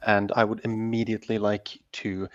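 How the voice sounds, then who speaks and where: A man's voice: fairly low pitch, level tone, normal speed, highs cut off, faint music behind. A man playing an assassin in a tabletop game, describing his moves with hesitant restarts. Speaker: player. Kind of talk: casual tabletop game chat.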